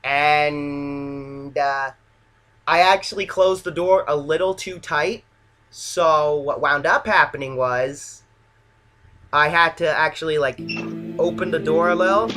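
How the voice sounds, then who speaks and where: Male amateur filmmaker, higher-pitched bright voice, casual self-deprecating commentary, feeling his way through sentences. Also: slow, faint music behind. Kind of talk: casual, unscripted director's commentary.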